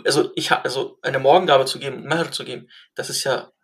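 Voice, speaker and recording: A young man of Syrian family background, chatting and telling stories in an animated way, with lots of fillers and restarts. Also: medium pitch, brisk. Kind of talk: casual conversation.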